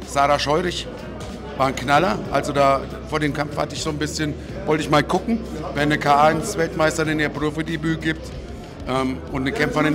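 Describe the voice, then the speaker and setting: A middle-aged man giving casual interview answers into a handheld microphone at an event. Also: a little high. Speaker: ring announcer interviewed. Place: indoor boxing hall, at a sponsor wall. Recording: music behind the voice. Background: music.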